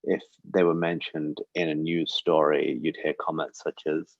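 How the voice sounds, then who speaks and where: A British man in his forties, serving as a guest speaker on a synagogue livestream, gives an earnest and reflective personal talk full of ums and uhs. His bass voice is flat and moderately paced, and the recording is dry with the highs cut off.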